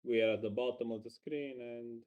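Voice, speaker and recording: A man co-hosting a casual livestream, talking about game jam entries in a hesitant, halting way. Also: medium pitch, fairly even intonation, phone-quality sound. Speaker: stream co-host reviewing game jam entries.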